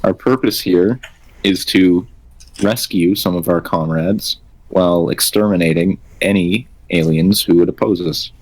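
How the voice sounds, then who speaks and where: A man voicing a calm female combat robot in a tabletop game, speaking slowly and deliberately. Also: low-pitched, no echo, poor audio.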